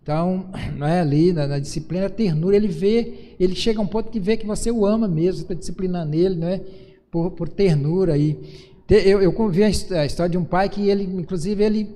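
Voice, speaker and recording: A man's voice: sits high, fast, mellow, in a large hall. A man with a Brazilian Portuguese accent preaching a sermon as pastor, earnest, with many restarts and acted quotes of parents. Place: church sanctuary.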